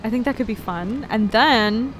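A young woman chatting through a first playthrough of a video game, chatty and excitable. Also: fairly high pitch, normal speed, a little hiss or hum. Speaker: let's play gamer. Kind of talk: casual gameplay commentary.

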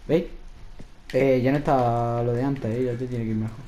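A man's voice: medium pitch, fairly even intonation, normal speed, mellow, slight background noise. A man with a Spain Spanish accent chatting casually and exclaiming while he comments on a video game. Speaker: gameplay commentator. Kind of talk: casual chat over gameplay.

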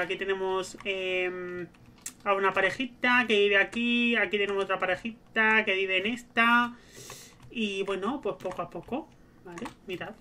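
A woman streamer talks casually through a game. She narrates every move she makes aloud. Her voice sits at a middle pitch and sounds bright and forward. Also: slight background noise. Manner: chatty, narrates her own moves aloud. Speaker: gaming streamer. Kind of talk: casual gameplay commentary.

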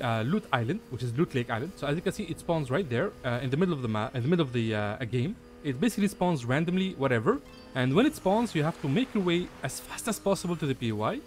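A man's voice: medium pitch, slight background noise. A young man giving a casual, filler-heavy walkthrough of a video game, talking to his viewers. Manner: chatty, lots of fillers, addresses viewers as guys. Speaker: gaming guide creator.

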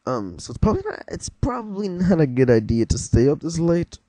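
Brisk and sing-song, a teenage boy with a slightly high, warm voice rambles casually through his gameplay. He spooks easily and jokes around with viewers, captured in a dry recording.

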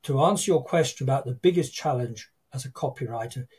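An older man, a guest copywriter telling lively stories on a video call from his home office. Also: medium pitch, fairly quick, husky. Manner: lively storytelling, acts out quoted people. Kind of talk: casual interview chat. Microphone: video call webcam.

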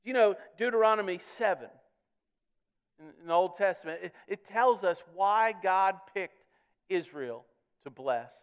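A man's voice: high-pitched, lively intonation, measured pace, smooth. A pastor preaching a sermon in church, earnest, often repeating words as he builds to his points. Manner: earnest preaching with frequent word repeats, swelling on key words. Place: church sanctuary.

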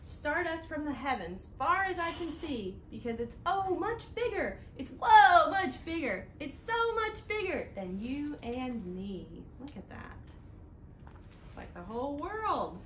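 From a living room couch, a high-pitched woman reads aloud at a measured pace as a library's children's storytime host. Her animated, sing-song delivery speaks directly to young listeners. The recording, from a camera a few feet away, has a roomy home sound and noticeable background noise.

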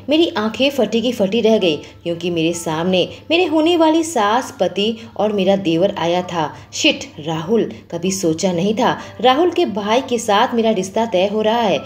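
Expressive woman narrating a first-person story. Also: measured pace, hardly any pauses, faint music behind. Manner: expressive, voices quoted lines with lifted pitch.

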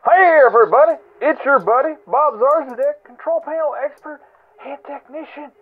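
A man leaving a voicemail over a landline phone, rambling excitedly in a play-by-play with exclamations and stammered restarts. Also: very high-pitched, moderate pace. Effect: heard over a landline phone as a played voicemail. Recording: tinny phone line with faint hiss.

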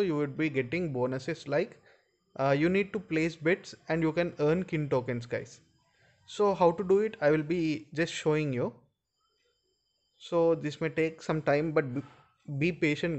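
Male video host, Indian accent, slightly high voice, informal instructional delivery that repeats points for viewers. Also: darkish tone. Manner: instructional, repetitive, addressing viewers often. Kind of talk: informal screen-share tutorial.

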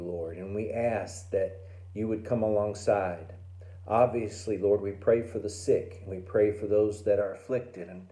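A man's voice: fairly low pitch, warm tone. Earnest man praying in an echoey room. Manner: earnest, prayerful, slow reverent phrasing. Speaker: pastor. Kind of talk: devotional reading and prayer. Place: home room by a window. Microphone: phone camera at arm's length.

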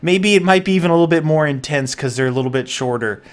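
Relaxed man co-host, light voice. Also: a little high, quick pace. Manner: relaxed, hesitant, filler-heavy. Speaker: channel co-host. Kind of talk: casual channel update chat.

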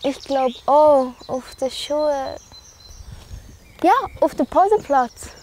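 A woman's voice: high voice, slow, warm tone, a little hiss or hum. A woman with a Swiss German accent acting a bold, scheming schoolgirl, talking in a teasing way outdoors in the countryside. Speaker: actor in an amateur short film. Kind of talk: amateur film acting.

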